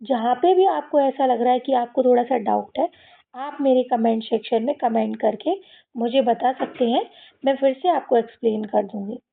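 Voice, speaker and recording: Woman, phonics teacher for kids, high voice, tinny phone-like sound, repeats and quizzes. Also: normal speed, gravelly. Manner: repeats each sound and asks the children questions. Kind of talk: slow explanatory lesson to children.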